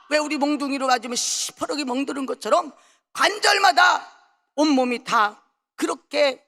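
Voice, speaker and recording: Fervent woman preacher with a gravelly voice. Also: high-pitched. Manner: fervent, swings between soft and loud. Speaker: pastor. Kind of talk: testimony sermon. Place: large prayer hall. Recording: long reverb of a large prayer hall.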